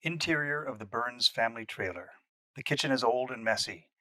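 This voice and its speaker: A man's voice: medium pitch, a little fast, pushed and bright, no echo, poor audio. Matter-of-fact male narrator, dry sound. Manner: plain, matter-of-fact reading. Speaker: narrator reading stage directions. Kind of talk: scripted narration.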